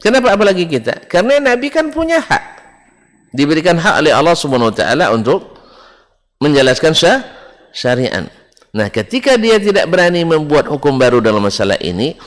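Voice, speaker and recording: A man preaching a religious lecture to a congregation, often asking the audience if it is clear and chuckling along the way. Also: mid-range voice. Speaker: Islamic preacher teaching a book study. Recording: long hall reverb.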